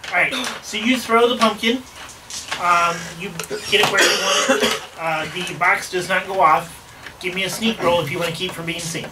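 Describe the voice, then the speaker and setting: A game master narrating a tabletop game in a relaxed way, with fillers and frequent laughs. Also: medium pitch, moderate pace. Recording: distant mic with hiss.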